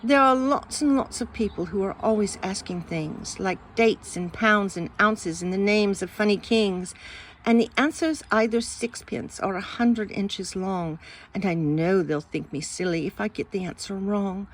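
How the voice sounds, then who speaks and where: A woman reading children's poems aloud in an expressive, sing-song way. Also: mid-range voice, unhurried, rough recording. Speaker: reader.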